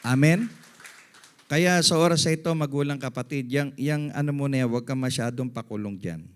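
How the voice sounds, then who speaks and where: At a church service, a middle-aged male pastor preaches a little fast in a clear, resonant voice, mixing English phrases into his sermon and calling on the congregation for "Amen." He swings between quiet, low asides and loud, high-pitched emphasis.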